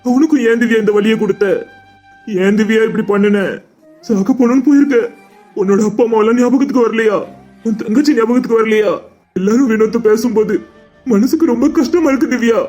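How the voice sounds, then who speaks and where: A man's voice: high voice, rapid-fire, a little mellow, soft background music, close to an everyday voice. A man voicing a grieving, loyal young man in a cartoon drama, talking in an earnest, pleading way. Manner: earnest, pleading, tearful monologue.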